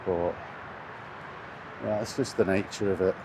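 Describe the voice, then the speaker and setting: Walking outside near traffic with a handheld camera, a man vlogs in a low, steady, unhurried voice. This gaming YouTuber rambles casually in a hesitant, relaxed way, while city and vehicle noise fills the noisy outdoor recording.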